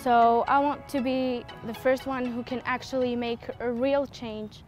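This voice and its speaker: A woman's voice: on the high side, steady tone, measured pace, soft background music. A teenage girl from Algeria, speaking earnestly and with determination in an outdoor interview. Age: teens. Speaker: student interviewee.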